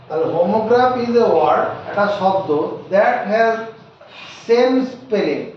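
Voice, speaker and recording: Slow, high-voiced man teaching in an echoey room. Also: lively intonation, slight background noise. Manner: spells words letter by letter and repeats them slowly. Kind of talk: slow spoken lesson. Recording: echoey room, distant, dull lo-fi mic.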